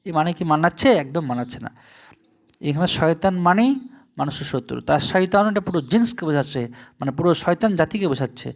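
A teacher works through a recorded language lesson. The voice draws each foreign phrase out slowly, then switches to brisk explanatory asides. Rhetorical questions to the listener keep coming back throughout. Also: mid-range voice, animated.

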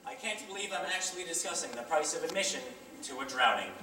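A stage performer playing a prim, easily offended gentleman who sounds indignant, fussy and flustered. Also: mid-range voice, animated, quick pace. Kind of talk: high school stage play. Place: school auditorium stage. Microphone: far camera. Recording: echoey hall from far off.

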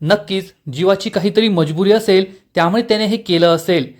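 A man's voice: high voice, normal speed, close to an everyday voice. A man voicing a protective middle-aged mother who pleads and defends her son while retelling a serial. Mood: pleading.

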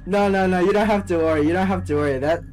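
A man's voice: sits high, racing. A young man talking casually on a video chat, laid-back and repeating himself often. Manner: laid-back, repeats "you know what I'm saying". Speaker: online video prankster.

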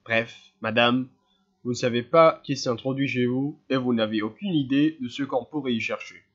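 A man's voice: mid-range voice, fairly even intonation, moderate pace, a bit bright, lightly acted. A man reading as a weary police commissioner. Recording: slightly dull lo-fi sound.

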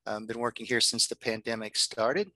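Male librarian, lecture over a video call, bright tone, dry close sound. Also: mid-range voice, normal speed, dry recording, poor audio. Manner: friendly, chatty, many ums and uhs. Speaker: librarian presenting a workshop. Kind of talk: online workshop presentation. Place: home office.

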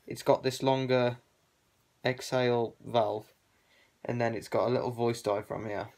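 Casual guy, voice through a cloth balaclava, offhand and rambling collector chat, average pitch. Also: steady tone, measured pace, creaky, darkish tone. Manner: rambling, filler-heavy, offhand. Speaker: collector showing his gas masks. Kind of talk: casual show-and-tell vlog.

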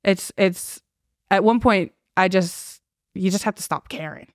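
A woman's voice: medium pitch, unhurried, no room sound. Young woman, Boston accent, casual podcast guest, slangy and laughing, dry sound. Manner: slangy, laughs often, heavy use of "like" and "dude".

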